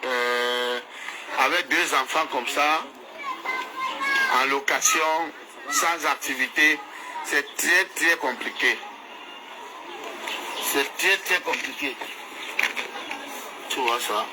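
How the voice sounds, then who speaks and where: A slow, subdued voice speaking on a livestream. The audio is noisy, with vehicle sounds clearly in the background. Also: medium pitch.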